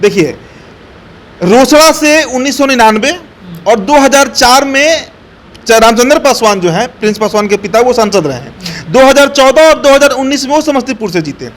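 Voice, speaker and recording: A man's voice: extremely high pitch, lively intonation, normal speed. A man giving political commentary, assertive and explaining step by step with frequent fillers. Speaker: political analyst.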